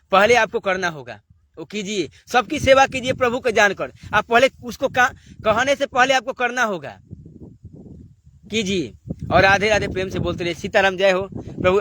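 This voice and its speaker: A man's voice: high voice, background noise. A man giving a devotional sermon, exhorting listeners and firing off rhetorical questions. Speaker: spiritual preacher.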